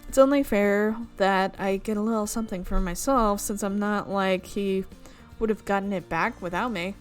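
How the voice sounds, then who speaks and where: Soft background music accompanies a young woman reading a visual novel aloud, who pauses for chatty, amused comments on the script. She is a visual novel let's player with a mid-range voice, reading a game aloud at a normal speed with casual commentary.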